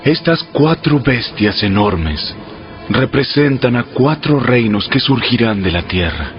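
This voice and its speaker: A man acting as a solemn heavenly messenger in an audio Bible, grave and commanding in a mid-pitched voice. The delivery is declamatory and prophetic. Music plays clearly behind him in a slightly dull recording. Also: very animated, unhurried. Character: solemn male heavenly messenger explaining visions. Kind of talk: dramatic audio Bible reading.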